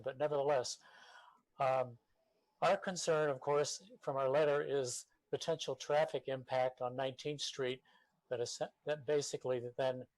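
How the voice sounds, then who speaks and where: A man speaking by remote call at a city meeting on behalf of a neighborhood association, halting with many fillers. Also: medium pitch, darkish tone, dry recording, rough recording. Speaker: public commenter for a neighborhood association. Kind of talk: public comment at a city meeting.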